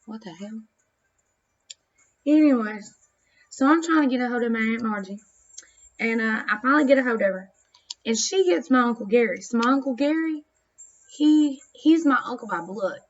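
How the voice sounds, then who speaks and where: High-pitched woman, casual swearing vlogger, muffled home-camera sound. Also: animated, normal speed, long pauses. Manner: profane, rambling, self-conscious on camera. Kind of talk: casual storytelling vlog.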